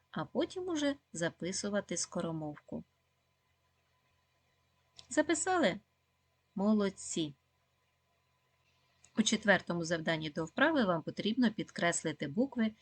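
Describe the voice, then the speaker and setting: A woman teaching a video lesson for second graders, speaking slowly and clearly, praising the pupils often and asking them questions. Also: low-pitched, no echo. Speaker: primary school teacher.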